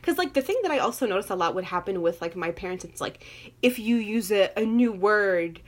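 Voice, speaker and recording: A young woman with a Moroccan family background, chatting casually and telling animated personal stories, full of fillers and laughter. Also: medium pitch, a little fast. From Moroccan family, grew up in an English-speaking country. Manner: animated storytelling, lots of fillers, laughs often. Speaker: guest. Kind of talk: casual chat.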